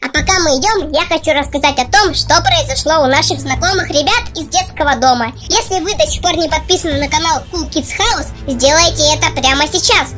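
A performer voicing a cheeky, boastful young talking husky as a childlike, playful cartoon dog. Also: high-pitched, brisk, hardly any pauses, close to an everyday voice. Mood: narrating. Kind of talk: scripted cartoon dog voice-over. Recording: loud music behind. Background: children's music.

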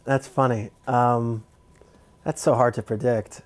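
A man with a New Jersey accent, a sports reporter talking football as a podcast guest in a chatty, quick insider way full of fillers. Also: medium pitch, fairly even intonation. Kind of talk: casual podcast chat.

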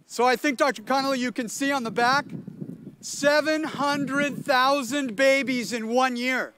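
An older man with a very high-pitched, steady voice gives a playful commencement speech at a podium mic in an outdoor stadium, quizzing the crowd in a lively way. He keeps a measured pace, and background noise is audible.

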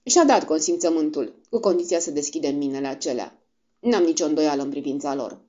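A woman's voice: low voice, dark tone, lo-fi sound, close to an everyday voice. A woman reading the lines of an earnest young frontiersman in a storybook, speaking tenderly and urgently. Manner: tender, urgent farewell speech.

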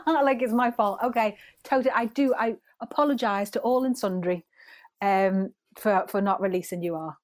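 A woman's voice: medium pitch, normal speed, no echo. A woman in her forties with a Scouse accent, a podcast guest chatting casually and laughing often. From Liverpool, England. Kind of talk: casual chat.

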